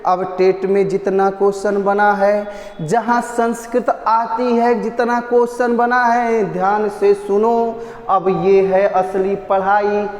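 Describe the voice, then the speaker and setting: A man's voice: sits high, level tone, slow pace. A man teaching an exam-prep lesson, repeating terms and chanting lines to drill them. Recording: echoey roomy reverb.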